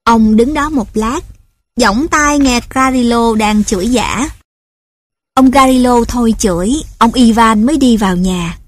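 A woman reads a story aloud in a measured, steady storytelling manner. Her voice sits fairly high, and the recording is dry and close, with no room echo. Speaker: narrator. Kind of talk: scripted story narration.

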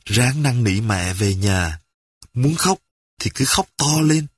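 A man voicing a father quietly coaxing his son. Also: medium pitch, expressive, takes it slowly, breathy edge, no echo, studio quality.

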